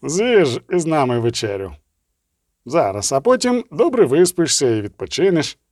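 A man voicing an old, gentle mentor in an audiobook, speaking slowly and in a fatherly way. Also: a little high, very animated, no echo, clean studio sound. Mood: kindly.

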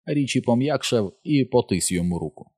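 A man with a mid-pitched voice reads a novel aloud in steady audiobook narration. The sound is dry and close, with no room around it. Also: brisk, breathy edge, no room sound.

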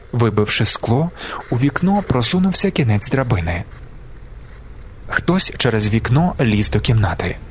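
A man narrating an audiobook in a measured, deliberate way, slowing down for emphasis. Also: lowish voice, slight background noise. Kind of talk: scripted narration.

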